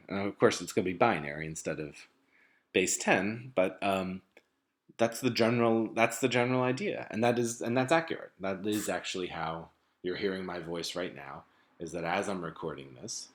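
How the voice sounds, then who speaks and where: A man with a very low voice explains a topic in a loose, conversational lecture. He stops and restarts often, filling gaps with ums. It sounds like it is captured on a laptop microphone. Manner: casual, halting, many ums and restarts. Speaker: teacher. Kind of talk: recorded lecture.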